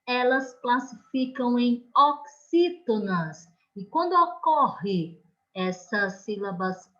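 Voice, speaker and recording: A Brazilian woman teaching an online class, explaining slowly and patiently and often checking that the children follow. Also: fairly high pitch, pushed and bright, lo-fi sound. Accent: Brazilian Portuguese.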